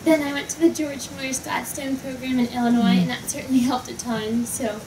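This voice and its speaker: A woman's voice: high-pitched, level tone, brisk. A nineteen-year-old woman from Maryland, a show jumping rider, chatting in a post-competition interview. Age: young adult. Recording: noisy, echoey, distant.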